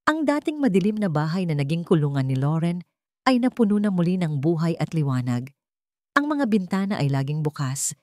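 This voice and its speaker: A woman with a Filipino accent narrates a scripted, dramatic audiobook story in a fairly low, slightly mellow voice. The studio recording is clean with no echo.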